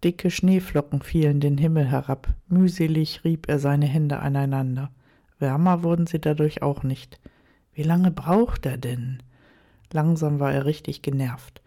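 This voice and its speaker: A woman reads a story aloud in a low, calm voice, her tone dark and mellow. She narrates steadily and with measured care, letting each sentence settle. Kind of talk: story reading.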